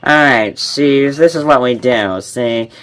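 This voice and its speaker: A man's voice: mid-range voice, takes it slowly, fairly bright tone, clean tone. A man voicing a threatening vampire finch who talks like an old-time gangster. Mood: menacing.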